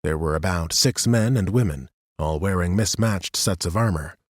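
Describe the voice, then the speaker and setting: In a studio booth, a male audiobook narrator reads a scripted fantasy novel in a fairly low voice, telling the story steadily and evenly at a moderate pace. The sound is dry and close-miked, with no room sound.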